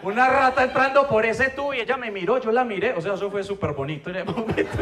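A man with a Colombian Paisa accent doing an animated stand-up set, tagging his punchlines with a quick questioning grunt. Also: high voice, a crowd in the background. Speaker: stand-up comedian. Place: comedy stage before a live audience. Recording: live show with a loud audience.

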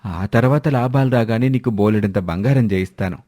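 Guy doing a scheming village husband, lowish voice, smooth talker, cartoon. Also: a little fast, warm tone, no room sound, studio quality, natural voice. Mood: persuasive. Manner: persuasive then harsh. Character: greedy village husband turning drunk and cruel.

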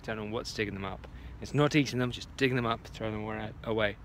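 Talking fast in a steady, lowish voice, a vlogger in his forties roams his garden allotment at dusk with his phone camera at arm's length. He chats casually to the camera and mutters to himself as he checks on things, with slight background noise behind him.

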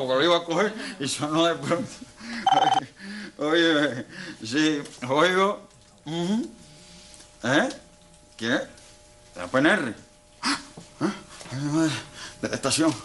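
A man with a Cuban accent playing an excitable, bossy old man in a TV comedy sketch, fretting and exclaiming often. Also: fairly high pitch, slow, long pauses, very noisy. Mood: flustered fussing. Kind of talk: TV sitcom acting.

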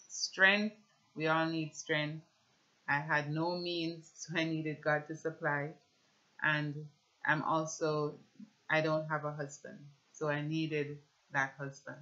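On a webcam, a Jamaican woman gives a personal faith testimony with scripture reading, speaking to camera from a small home room with shelves. Her low-pitched voice is bright and clear-cut, though the lo-fi sound is kind of dull.

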